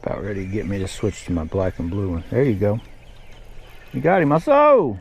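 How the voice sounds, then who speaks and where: A gravelly, fairly low male voice swings hugely in pitch as the host of a fishing vlog chats briskly from his boat. He keeps it colloquial and folksy, recorded noisily outdoors.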